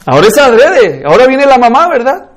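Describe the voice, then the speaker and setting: High-voiced man teaching a church class. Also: fairly quick. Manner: lively, rhetorical questions to audience.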